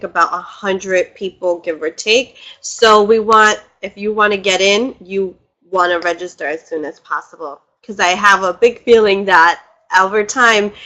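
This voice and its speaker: Speaking through her computer mic on a video call, a spiritual teacher runs a casual live webinar. Her medium-pitched voice sounds pushed and bright, and though stuffy with a cold, she stays bubbly and chatty, laughing a lot while welcoming attendees.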